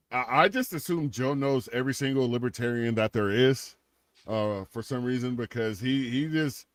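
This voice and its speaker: With no room sound behind him, this medium-pitched man in his forties co-hosts a casual podcast. Restarting again and again, he jokes his way through a rambling donation plug, the kind of sponsor-style aside common to the show.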